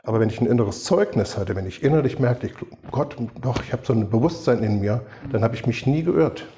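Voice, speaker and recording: A middle-aged man delivers a sermon with a mellow, warm voice. He speaks emphatically but conversationally, often checking in with his listeners for agreement. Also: medium pitch, expressive, brisk, slight background noise. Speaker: preacher.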